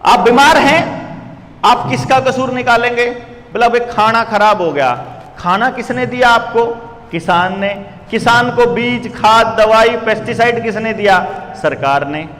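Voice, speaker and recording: A man in his forties giving an impassioned political speech to a small gathering, full of rhetorical questions that rise to shouts. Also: very high voice, a little slow, long reverb tail. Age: 40s. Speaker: political speaker.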